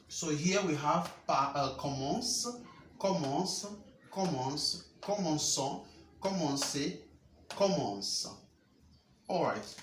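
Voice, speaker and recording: A man's voice: fairly high pitch, fairly bright tone, echoey room, slight background noise. Patient man teaching French grammar. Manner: patient, repeats points, asks rhetorical checks. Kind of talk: explaining grammar lesson.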